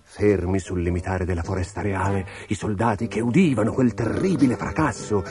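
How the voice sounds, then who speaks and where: A man telling a fairy tale in a dramatic, expressive storybook style over background music. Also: lowish voice, a little fast. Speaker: narrator. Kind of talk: storybook narration.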